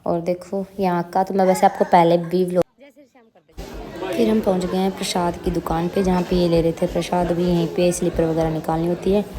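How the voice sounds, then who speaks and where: A woman's voice: lowish voice, flat delivery, a little fast, crowd noise. Chatty young woman narrating a vlog. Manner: chatty, addresses viewers as guys. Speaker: vlogger.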